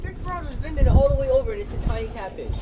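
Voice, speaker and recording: A young man fishing with a friend on a pier, joking and boasting in excitable banter. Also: extremely high pitch, rapid-fire, muffled recording, heavy background noise. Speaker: fishing buddy. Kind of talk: casual banter while fishing. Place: covered fishing pier on a lake, outdoors.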